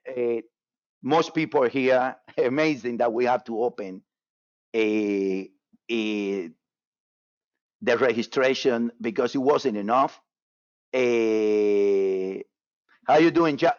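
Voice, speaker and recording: Hosting a live trading webinar, a man born in Cuba speaks in a mid-range voice over dry, dull audio. He's casual and repetitive, leaning on fillers and restarting often.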